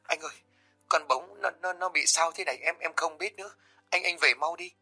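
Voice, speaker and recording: A man's voice: mid-range voice, very animated, moderate pace, husky, soft background music. A man voicing a young wife and mother in an audio story, talking in a choked, stammering way. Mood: panicked. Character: young mother, frightened and sobbing.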